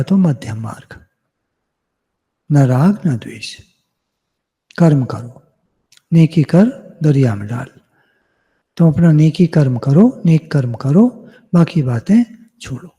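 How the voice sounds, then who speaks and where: A man speaking slowly in a dark, mellow, husky voice, delivering a devotional discourse on scripture. He teaches in a measured way, repeating phrases and posing questions that he answers himself. The video call audio carries a long, reverberant tail. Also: a little high. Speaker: spiritual teacher.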